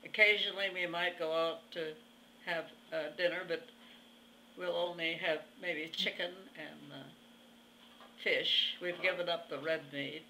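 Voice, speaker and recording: Very old woman, slow and halting. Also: sits low, steady tone, pushed and bright, slight background noise, poor audio. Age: over 100. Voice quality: very old, aged voice. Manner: halting, pauses mid-phrase, plainspoken. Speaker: interview guest. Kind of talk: reminiscing in conversation.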